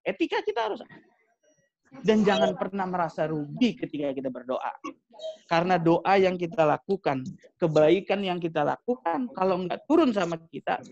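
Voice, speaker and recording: Gravelly-voiced man giving a joking sermon. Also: on the high side, darkish tone. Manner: joking asides to the audience. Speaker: preacher. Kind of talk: humorous religious talk. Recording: dry, slightly dull sound.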